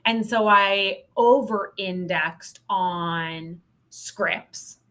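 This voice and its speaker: Speaking very slowly, this sales trainer is a middle-aged woman guesting on a podcast interview. Her medium-pitched, fairly bright voice carries a wry edge as she talks candidly and with emphasis.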